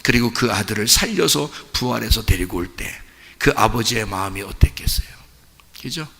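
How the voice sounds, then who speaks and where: A man preaching a sermon as pastor, swinging between loud excited exclamations and soft hushed asides, talking casually and directly to the congregation. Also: lowish voice, moderate pace, vocal fry, slightly rough, big-room sound. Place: church sanctuary.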